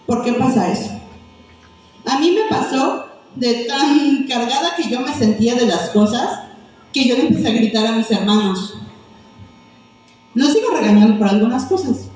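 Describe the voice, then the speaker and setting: A woman delivers a sermon at an unhurried pace, turning to the congregation with questions and acting out little voices as she tells her stories. Her voice sits high and carries a bright lift. She is picked up from a distance in a heavily echoing church hall, with faint room noise underneath. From Mexico. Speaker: preacher. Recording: echoey hall mic from a distance.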